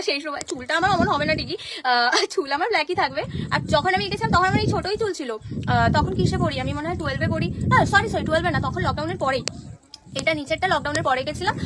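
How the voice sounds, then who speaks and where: Chatty young woman on a live stream, fast and high. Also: very noisy. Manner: chatty, answers viewer comments. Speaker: content creator on a live stream. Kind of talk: casual live-stream chat. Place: at home, in front of a painted wall.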